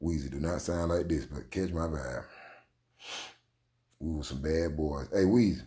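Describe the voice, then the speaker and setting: A young man from Jacksonville, Florida, giving loud, excitable casual commentary on basketball clips, swearing a lot and breaking into shouts. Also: extremely low pitch, unhurried, husky.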